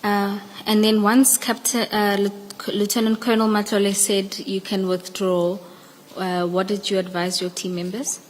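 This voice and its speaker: A woman's voice: mid-range voice, flat delivery, normal speed. A woman with a South African accent formally questioning a witness at a hearing. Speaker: evidence leader questioning a witness. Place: large indoor hearing room. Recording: echoey hearing room, background noise.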